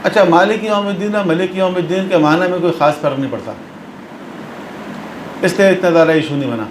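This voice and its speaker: A man's voice: high voice, reverberant, a little hiss or hum, poor audio. A man giving a religious lesson. He explains patiently and repeats phrases for emphasis. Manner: explanatory, mixes English terms into speech. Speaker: religious lecturer.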